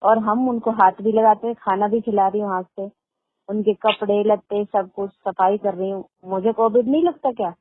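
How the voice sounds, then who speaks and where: A woman's voice: medium pitch, steady tone, normal speed, no room sound, soft background music. Middle aged woman on a phone call, emphatic and fed up, tinny line, dry. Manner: emphatic, indignant, talks at length. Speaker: caller. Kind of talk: phone conversation.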